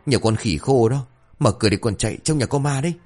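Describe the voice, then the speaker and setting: A man voicing a jumpy young burglar who talks in hurried, anxious half-whispers. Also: medium pitch, darkish tone, soft background music, close to an everyday voice. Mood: panicky. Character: jumpy young male burglar, panicky sidekick.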